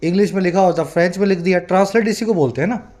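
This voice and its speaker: Male online English tutor, higher-pitched voice, patient and explanatory, slow deliberate reading of example sentences. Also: a little mellow. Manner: asks the viewer often whether they follow. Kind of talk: vocabulary lesson in Hindi mixed with English.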